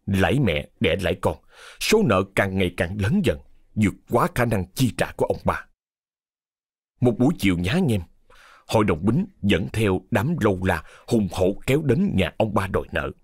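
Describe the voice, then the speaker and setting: A man narrating a ghost story in a dramatic, expressive storytelling manner. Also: fairly low pitch, normal speed, breathy edge, no echo, clean studio sound. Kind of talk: scripted horror story narration.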